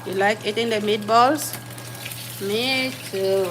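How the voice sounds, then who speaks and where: A woman's voice: mid-range voice, slow, background noise. A woman from Cameroon hosting a casual cooking livestream from her home kitchen, chatting with viewers and apologizing as she juggles tasks. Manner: chatty, greets viewers by name, apologetic while multitasking. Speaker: livestream host.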